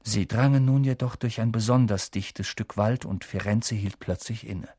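Steady male audiobook narrator. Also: on the low side, moderate pace, husky, no echo, studio quality. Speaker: audiobook reader. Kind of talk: scripted narration.

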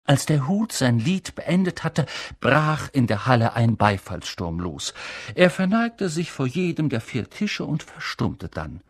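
Brief: male audiobook narrator, unhurried, close dry studio sound. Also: medium pitch, no echo. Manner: calm, measured storytelling. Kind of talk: audiobook reading.

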